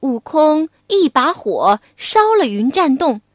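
Brief: woman narrating a kids' story, high and unhurried, dry close studio sound. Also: dry recording. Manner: slow, expressive, animated narration. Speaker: children's storyteller. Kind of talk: storytelling for children.

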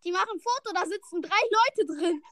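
A woman's voice: very high voice, brisk, dry recording, clean studio sound. A woman chatting casually on a call, eagerly describing clips she has sent. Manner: eager, excitable, interrupts to describe videos.

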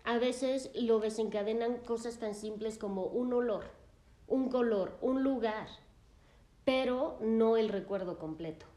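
A woman tells the story of a case from her practice as a psychotherapist, calm and measured as she explains. Her voice is fairly high but mellow, recorded in a roomy space with noticeable echo. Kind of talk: first-person storytelling narration.

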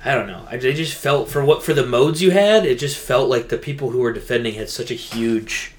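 Here a podcast co-host speaks briskly in a medium-pitched voice. His casual talk about games wanders around and leans heavily on informal gamer slang.

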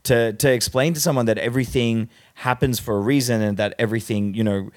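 A man in a casual conversation, talking in a thoughtful, measured and analytical way. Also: mid-range voice, steady tone. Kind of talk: casual conversation about philosophy.

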